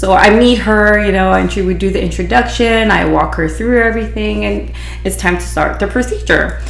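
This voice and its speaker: A woman from Hawaii, a beautician who hosts a podcast, tells a story casually with a Pidgin-influenced accent. Her medium-pitched voice is creaky and moves at a moderate pace as she rambles chattily, full of restarts and "you know." The recording is rough with a roomy sound.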